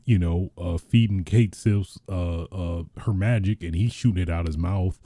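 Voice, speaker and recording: A man hosting a casual gaming podcast who talks in an excitable, rambling way, with many fillers and restarts, into a podcast mic. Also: low voice, moderate pace, no echo, clean studio sound. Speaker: podcast host.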